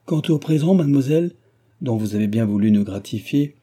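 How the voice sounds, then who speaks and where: A man's voice: medium pitch, animated, a little fast, warm tone, natural voice. A man voicing a chattering, pushy middle-aged mother in an audiobook, talking in a gushing, overfamiliar, insistent way.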